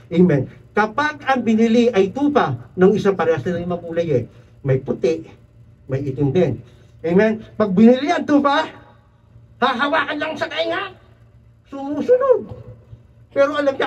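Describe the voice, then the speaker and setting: A man preaching an animated sermon who keeps calling "Amen?" to the congregation and mixes in English phrases. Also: high voice. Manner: mixes English into his talk. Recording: distant, dull church recording.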